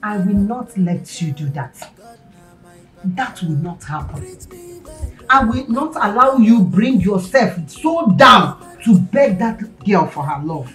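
An actress with a Nigerian accent playing a stern mother scolding her grown son in a slow, emphatic, husky voice. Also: mid-range voice, very animated, a bit bright, faint music behind.

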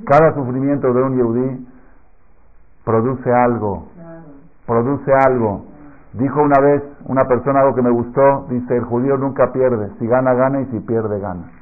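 A middle-aged man preaching a sermon as a rabbi, telling stories and swinging from hushed asides to loud, emphatic peaks. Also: medium pitch, fairly even intonation, brisk, hardly any pauses. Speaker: rabbi giving a Torah talk. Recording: slightly dull lo-fi recording.

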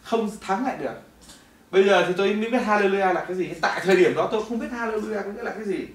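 A middle-aged man tells his testimony in a rapid, animated sermon, swinging between loud and hushed. He is picked up from some distance in an echoey church hall, with faint room noise behind him. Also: high-pitched. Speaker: preacher giving testimony.

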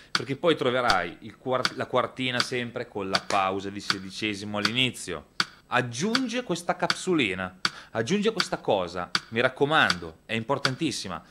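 Animated guitar teacher, in his thirties. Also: mid-range voice, normal speed, very noisy. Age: 30s. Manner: casual, animated, counting and singing rhythms. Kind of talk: guitar lesson. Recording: loud guitar playing behind the voice. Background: electric guitar.

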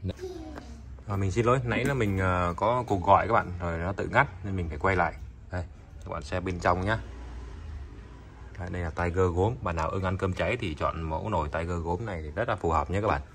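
A man's voice: low-pitched, brisk, fairly bright tone, a little hiss or hum. A man selling goods in a casual, chatty video showcase, often repeating himself and addressing viewers directly. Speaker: online seller of used Japanese rice cookers. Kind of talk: casual product showcase and sales talk. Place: indoor tiled room, products on the floor.

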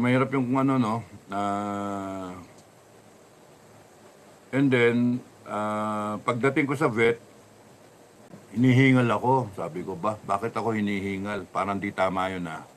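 A man telling a long personal story in a casual, rambling, halting way, full of restarts. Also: lowish voice, a little hiss or hum.

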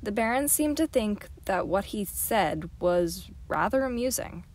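A woman reading a novel aloud as an amateur audiobook narrator, in a steady, clear storytelling manner. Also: mid-range voice, measured pace. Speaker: audiobook reader.

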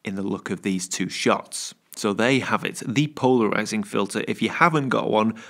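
A man in his thirties, a landscape photographer, calmly explaining his film-camera shoot outdoors in a forest, picked up by a camera mic a few meters away. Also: on the low side, normal speed, no room sound, studio quality. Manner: calm, explanatory, counts a long exposure in a whisper. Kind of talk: on-location vlog narration. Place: outdoors in an autumn beech forest.

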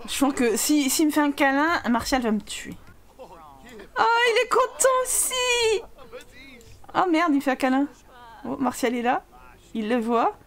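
A woman giving playful, lively Let's Play commentary as a gaming YouTuber, voicing her game characters' lines. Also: sits high, normal speed. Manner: lively, playful, voices her Sims' dialogue.

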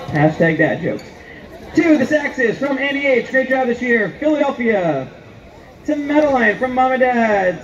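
A man announcing at a stadium, reading shout-out messages over the PA with playful, jokey asides. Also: high voice, a little hiss or hum. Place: outdoor stadium at a band show. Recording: echoey lo-fi stadium PA with faint music.

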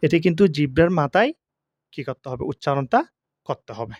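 A man teaching the pronunciation of Arabic letters for Quran reading. He asks questions and answers them himself, and he draws each letter sound out slowly. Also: fairly high pitch, expressive, a little mellow, dry recording, clean studio sound. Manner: slow, drawn-out letter sounds.

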